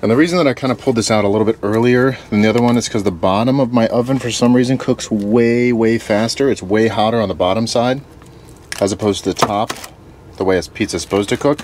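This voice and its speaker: A young man vlogging as he cooks in a small camper van kitchen, relaxed and chatty. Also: lowish voice, fast. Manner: relaxed, chatty, talks while cooking. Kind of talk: casual cooking vlog. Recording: noisy camper van recording.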